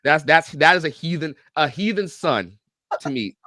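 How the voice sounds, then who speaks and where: A man's voice: a little high, normal speed, no room sound, clean studio sound. A middle-aged man telling stories on a podcast in a casual, joking, profane way. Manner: animated, profane, joking storyteller. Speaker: guest, YouTube reactor and coach.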